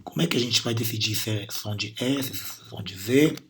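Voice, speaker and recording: A man's voice: on the low side, a little fast, a bit bright. A Brazilian man teaching English grammar and pronunciation, patiently repeating sounds and words to demonstrate them. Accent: Brazilian Portuguese. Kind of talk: recorded class lesson.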